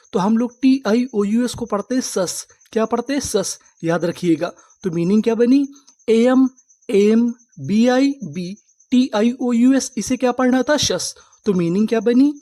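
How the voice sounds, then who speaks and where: A man's voice: high-pitched, a little mellow, dry recording. A man teaching an English vocabulary lesson, spelling words out letter by letter and answering his own questions.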